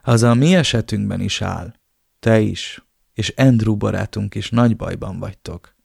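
A man voicing a menacing male cartel boss who speaks in measured threats, in an audiobook. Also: fairly low pitch, vocal fry, darkish tone, breathy edge, no room sound, clean studio sound, exaggerated voice.

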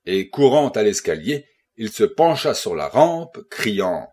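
A man's voice: takes it slowly, breathy edge. A man reading a classic novel aloud as an audiobook narrator, voicing the characters' lines as he goes. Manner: voices characters' quoted lines with lively, rising pitch.

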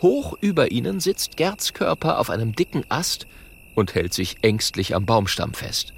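A man reading a children's story aloud in an animated, expressive way. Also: medium pitch, normal speed, creaky, slight background noise. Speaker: narrator.

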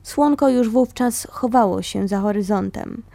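A woman reading a memoir aloud, telling it in a calm, steady way. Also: mid-range voice, measured pace, gravelly, no echo. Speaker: reader of a memoir.

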